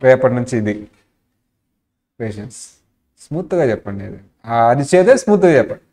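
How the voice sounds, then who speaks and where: Male lecturer with a Telugu accent, mid pitch, classroom delivery, asks questions and acts out quick scenes. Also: very animated, warm tone. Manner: mixes English into his talk, asks the class questions. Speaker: auditing lecturer. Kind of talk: classroom lecture with acted examples.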